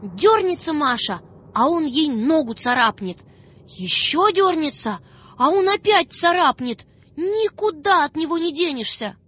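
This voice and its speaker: A woman narrating a children's story in a dramatic, expressive reading style. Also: high voice, measured pace. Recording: dull lo-fi sound with faint music.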